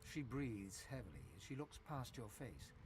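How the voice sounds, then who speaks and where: A man's voice: mid-range voice, sing-song, normal speed, natural voice. Fantasy game storyteller, read by a man: solemn male narration, medium register, slight background noise. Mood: measured, descriptive. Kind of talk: scripted literary narration.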